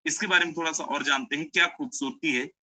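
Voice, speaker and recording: A young man runs an online sales webinar, coaxing listeners to stay and often calling them his friends. His voice is sharp, bright and tense. The sound is dry and close, as on a video-call mic. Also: fairly high pitch, fast talker, no room sound, rough recording. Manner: persuasive, repeats "my friend", mixes English phrases. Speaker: webinar presenter.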